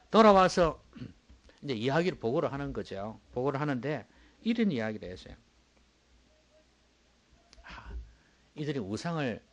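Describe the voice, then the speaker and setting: A man preaching a sermon as pastor, moving between quiet low asides and loud emphatic bursts and asking the congregation rhetorical questions.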